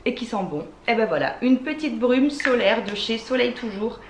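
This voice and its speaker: A woman's voice: a little high, lively intonation, normal speed. Chatty French woman in an echoey room. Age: adult with children. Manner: chatty, enthusiastic, many fillers. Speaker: beauty vlogger. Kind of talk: casual product haul. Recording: echoey room, faint ambient noise.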